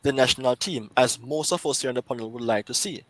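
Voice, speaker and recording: A man from Jamaica, a panel guest, speaking in a measured, formal way over call audio that keeps breaking up. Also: medium pitch, over a noisy crowd, poor audio. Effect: glitchy call audio breaking up. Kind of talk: casual panel discussion.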